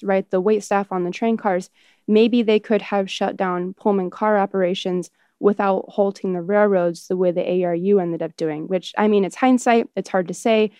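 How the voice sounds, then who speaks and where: A woman's voice: mid-range voice, mellow, clean tone, no echo. A woman speaking as an expert interviewee, explaining history in a conversational way.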